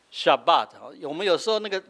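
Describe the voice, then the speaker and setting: A man's voice: high-pitched, brisk. A middle-aged man with a Taiwanese accent, a pastor explaining scripture in a teaching sermon, tagging his sentences with a short "hah". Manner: explanatory, frequent filler "hah" tags, switching between Taiwanese and Mandarin.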